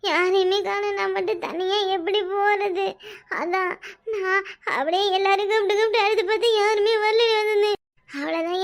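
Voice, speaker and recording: A woman with a Kanyakumari Tamil accent voicing a young village girl who sobs and wails for her mother in a cartoon. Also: extremely high pitch. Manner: sobbing, dirge-like wailing. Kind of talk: cartoon voice acting.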